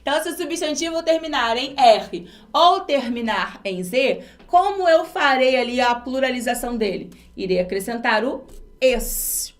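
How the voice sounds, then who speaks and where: A woman's voice: a little high, a bit bright. A woman from Brazil teaching an exam-prep grammar lesson, explaining step by step and asking her students rhetorical questions.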